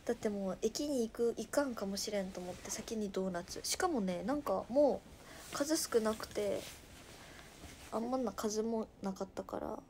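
A woman in her twenties from Nagasaki, chatting casually on a livestream with a Nagasaki dialect, reading viewer comments aloud and often dropping to a soft murmur. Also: mid-range voice, normal speed, slight background noise. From Nagasaki, Japan. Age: 20s.

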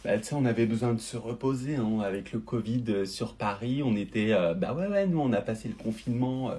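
A boastful rich snob, as a man puts her on, drawling low and slow with lazy condescension. Every word drips with smug superiority in this comedy sketch. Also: animated, warm tone, natural voice. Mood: haughty. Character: snobbish rich Parisian woman, boastful.

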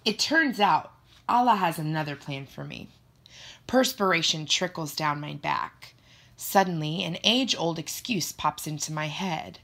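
A woman narrating a first-person children's story in an expressive, playful way. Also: low-pitched, unhurried, gravelly. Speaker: audiobook narrator.

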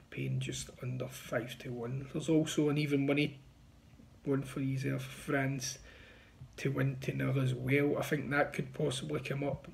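Gravelly-voiced man in his thirties, chatty and sure of himself, tipster talking into a phone camera in a small room. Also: medium pitch, slight background noise. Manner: confident, chatty, pushing bets. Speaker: betting tipster. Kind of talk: casual to-camera tips. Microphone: phone front camera at arm's length.

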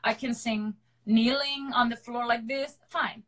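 A woman's voice: on the high side, steady tone, a little slow, a bit bright, poor audio. A woman opera singer, a guest in a live online interview, explaining things earnestly and repeating her points for emphasis.

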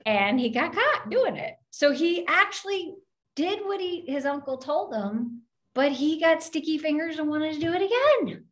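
A woman's voice: high-pitched, normal speed. A woman minister telling a story in an open forum, acting out the voices of the people in it. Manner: animated, acts out the voices in her story.

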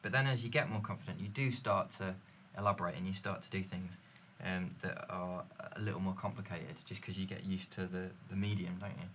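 A man, a tech company guest, talking in a relaxed, reflective way. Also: low voice, fairly quick, few pauses, slight background noise. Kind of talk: casual interview chat.

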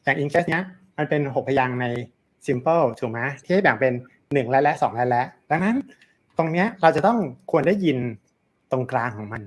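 ครูแซกโซโฟนชาย เสียงค่อนข้างสูง. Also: male voice, on the high side, fairly quick. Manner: relaxed, patient coaching with many fillers. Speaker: saxophone teacher. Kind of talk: online music masterclass coaching.

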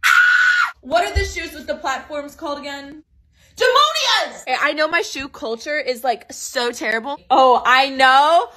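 A woman's voice: high-pitched, huge pitch swings, unhurried, sharp tone, raised voice, a little hiss or hum. A young adult woman, a comedy creator, talking in a casual, dramatic and self-mocking way. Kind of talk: casual vlog chat.

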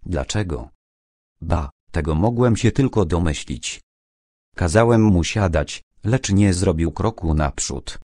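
A man narrating a first-person crime novel audiobook in a measured, even reading. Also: low-pitched, dry recording, clean studio sound. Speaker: audiobook reader.

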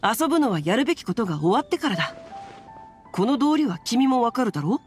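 A woman's voice: a little high, big pitch swings, fairly quick, darkish tone, faint music behind. Glib young nobleman. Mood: breezy. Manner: glib, breezy, proverb-quoting. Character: witty young nobleman swordsman, smooth talker. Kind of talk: video game dialogue.

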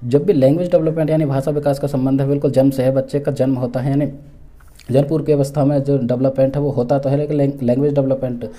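A man from India delivers an exam-prep lecture in a deep, mellow and very dark voice. His pitch stays flat and even as he works through each point. He restates every term twice and fills the gaps with restarts. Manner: repeats each point with Hindi and English terms; many fillers and restarts, measured explaining. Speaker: teacher for exam preparation.

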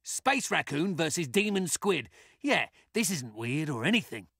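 A scrappy little raccoon soldier from a fighting game, cocky and sarcastic. The voice is high and gravelly, swooping wildly as it throws out brash taunts. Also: male voice, very animated, unhurried, sharp tone, no room sound, clean studio sound, exaggerated voice. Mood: cocky taunting. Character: cocky, foul-mouthed, scrappy male raccoon space soldier.

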